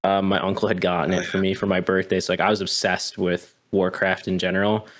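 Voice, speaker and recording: A man's voice: low voice, flat delivery, brisk. Easygoing male podcast host. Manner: easygoing, prompts others. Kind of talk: casual chat.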